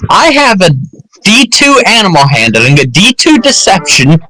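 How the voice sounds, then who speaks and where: A man's voice: high voice, wildly swooping pitch, normal speed, sharp tone, poor audio. A man playing a tabletop role-playing game, chatting casually and joking. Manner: jokey, easily confused.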